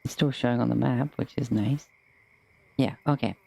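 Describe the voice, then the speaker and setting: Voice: mid-range voice, steady tone, normal speed, creaky, darkish tone. A game master running a tabletop game on a live stream in a casual, hesitant, informal way.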